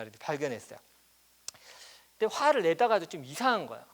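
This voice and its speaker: A middle-aged man preaching a storytelling sermon to his congregation. His voice sits high and moves with a very lively melody. He brings the story to life by briefly voicing the people in it. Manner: animated, acts out children's quarrels in quoted voices. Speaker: pastor. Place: church.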